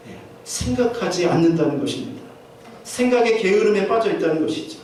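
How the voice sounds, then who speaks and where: A pastor preaches in a church sanctuary, his high, slightly mellow male voice earnestly putting one question after another to his listeners. The recording is captured from far off in a very echoey hall with faint noise.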